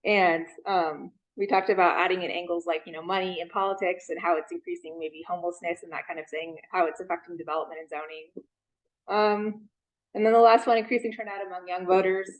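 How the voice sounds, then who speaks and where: A woman reporting her group's ideas at a member meeting, halting with many fillers, talking through a mask. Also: on the low side, fairly even intonation, dull audio. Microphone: masked, in a meeting room.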